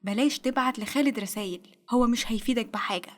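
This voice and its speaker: A woman's voice: a little high, fast, close to an everyday voice. A woman reading the lines of a dead young man in an Egyptian accent, taunting and insistent. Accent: Egyptian Arabic.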